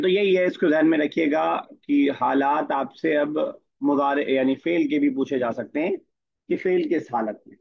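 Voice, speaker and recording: A man's voice: fairly high pitch, vocal fry, slightly rough, highs cut off. A man teaching an online Arabic grammar class, explaining patiently and quizzing his students by name.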